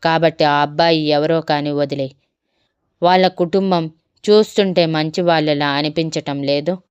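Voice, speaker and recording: A stern middle-aged father lectures his daughter about family honor, as a woman storyteller reads him. The voice sits low and very smooth, recorded dry and close. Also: fairly even intonation, moderate pace, no echo, dull audio, natural voice.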